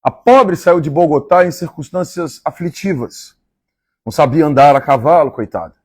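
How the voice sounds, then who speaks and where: Husky Mineiro man reading a novel aloud. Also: on the high side, lively intonation, a little mellow, no echo, clean studio sound. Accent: Mineiro Brazilian Portuguese. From Minas Gerais, Brazil. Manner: measured, repeats favorite lines and chats between passages. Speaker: live-stream host reading a novel aloud. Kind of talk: literary reading aloud with asides.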